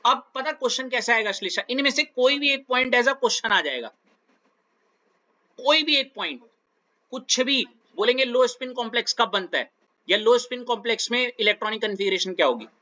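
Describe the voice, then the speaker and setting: A man's voice: extremely high pitch, animated, a little fast, sharp tone, lo-fi sound. A male chemistry teacher giving a classroom lecture in a coaxing way, often checking that the student follows.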